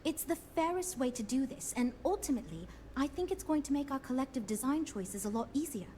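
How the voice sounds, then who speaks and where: Game team leader: earnest, conciliatory, businesslike, animated delivery, slightly high. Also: female voice, a little fast, slight background noise. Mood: diplomatic, businesslike. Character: earnest, diplomatic woman leading a ship design team. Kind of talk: scripted game dialogue.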